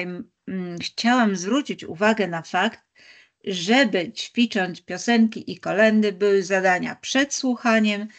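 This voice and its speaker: A woman leads a teaching-methods webinar at an unhurried, deliberate pace. She speaks unscripted, pausing often and humming as she gathers her thoughts, heard over a video call. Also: medium pitch. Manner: slow and measured, with many pauses and hums. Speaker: teacher trainer leading a webinar.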